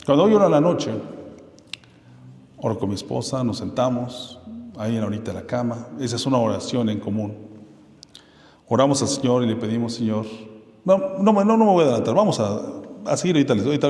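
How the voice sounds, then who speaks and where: A man's voice: medium pitch, expressive, brisk, mellow. A man preaching a sermon as pastor, asking his congregation questions and answering them himself. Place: church hall. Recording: echoey hall with long reverb.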